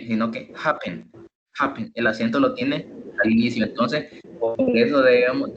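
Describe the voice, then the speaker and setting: A man's voice: medium pitch, fairly bright tone, lo-fi sound, a little hiss or hum. A man tutoring English over an online call, explaining spelling rules patiently, step by step. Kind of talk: online teaching.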